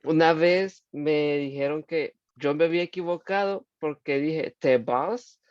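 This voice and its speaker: A Spanish-speaking man, a student, asking his teacher a question in a halting way. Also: a little high, a little mellow, clean tone, no echo. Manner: hesitant, halting. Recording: dry, lo-fi call audio.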